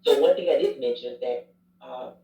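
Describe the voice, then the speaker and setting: In a casual interview, a man who is a chaplain and former youth pastor tells his story candidly, reflectively, and with self-deprecation. His medium-pitched voice is brisk and warm with vocal fry, captured in a roomy, distant recording with dull sound.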